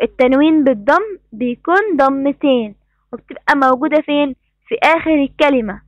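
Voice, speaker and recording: This is a woman with an Egyptian Arabic accent and a high voice, teaching young pupils over a video call. She cheers them on and repeats each instruction patiently. The sound is dry and close. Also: no room sound, dull audio. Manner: encouraging, repeats praise and instructions. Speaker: primary school teacher. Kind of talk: online class. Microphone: computer mic on a video call.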